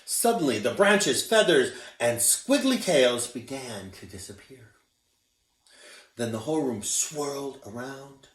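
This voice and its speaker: A man reading a picture book aloud to children as a teacher, expressive and encouraging, pointing out the pictures. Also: mid-range voice, unhurried, distant mic. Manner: expressive, encouraging storyteller who shows pictures. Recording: echoey room.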